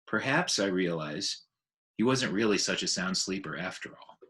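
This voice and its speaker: Reading to children, a male teacher narrates a story at a moderate pace. His voice is slightly low, and he gives it a highly expressive, animated rise and fall.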